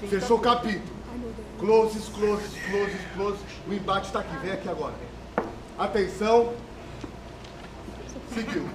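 A man directing a rehearsal backstage, giving brisk instructions and coaxing the actors. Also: high voice. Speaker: scene director. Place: large studio stage, indoors. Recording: echoey hall with crowd.

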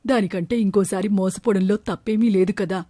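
A woman's voice: medium pitch, fairly even intonation, brisk, dark tone, no echo, studio quality, pitched below the performer's own voice, lightly acted. A woman voicing a worried, caring village father who herds cows, in a storybook tale. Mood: earnest. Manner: earnest, worried.

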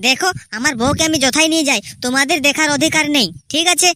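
A woman's voice: sits high, quick pace, sharp tone. A woman voicing an indignant young husband in debt who insists he will pay and tells his hecklers to leave him alone. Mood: defensive. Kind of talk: cartoon comedy dubbing.

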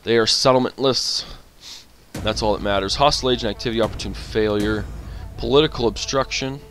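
A man's voice: mid-range voice, fairly quick, a bit bright. A man commenting casually on his strategy game as he plays, grumbling at setbacks and talking to his units. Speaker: gaming channel host.

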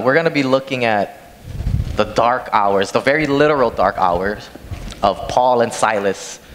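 In a large church sanctuary, a young man from Hawaii preaches in a low voice, shifting between scripture reading and a plain, conversational story told from the stage into a handheld mic. Captured by a far-off camera, the sound has a long hall reverb over faint hiss.

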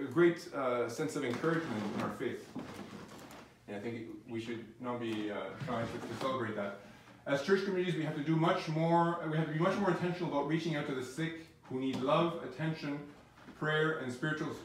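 A middle-aged physician giving a faith-based lecture, speaking earnestly and haltingly, with many restarts. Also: male voice, on the high side. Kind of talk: faith-based academic talk. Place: lecture room. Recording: very echoey room, distant mic, faint noise.

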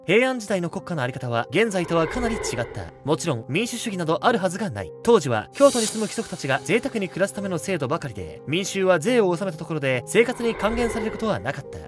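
Pompous vampire storyteller. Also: male voice, high-pitched, sing-song, quick pace. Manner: grandiose lecturing narration with a catchphrase ending. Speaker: host. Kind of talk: scripted narration. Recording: background music throughout.

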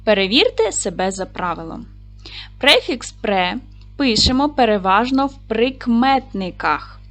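A woman teaching an online lesson to young children, speaking clearly and stretching out words as she spells them. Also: a little high. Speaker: primary school teacher.

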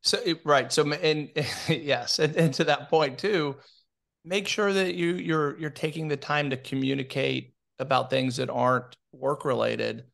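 A man co-hosting a business podcast in casual chat, giving steady advice with many ums and restarts. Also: fairly high pitch, unhurried, gravelly. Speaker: podcast co-host.

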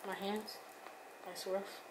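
A woman's voice: mid-range voice, little pitch movement, slow. A young woman in casual chat, teasing and questioning someone in a bedroom. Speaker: vlogger's partner. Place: bedroom at home. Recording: echoey room with background noise.

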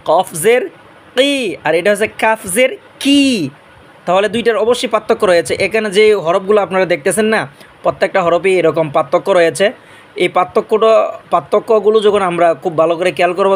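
High-voiced man teaching Arabic letters slowly. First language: Bengali. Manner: drills Arabic letters slowly, then explains in plain speech. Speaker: Quran recitation teacher. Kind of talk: slow letter-by-letter pronunciation lesson.

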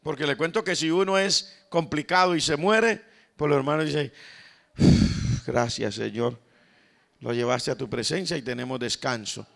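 A man's voice: fairly high pitch, moderate pace, gravelly, a bit bright. A man with a Colombian accent preaching a sermon, telling stories, acting out the quoted lines and often calling his listeners "brother". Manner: storytelling preacher, calls the congregation "hermano", acts out the quoted lines. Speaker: pastor.

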